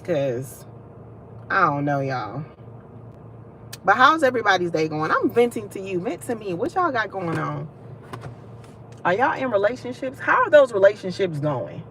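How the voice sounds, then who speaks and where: A woman's voice: mid-range voice, sing-song, normal speed, pauses often, a bit bright, slight background noise. A young woman, hosting a casual livestream, chatting and venting directly to her viewers. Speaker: livestream host.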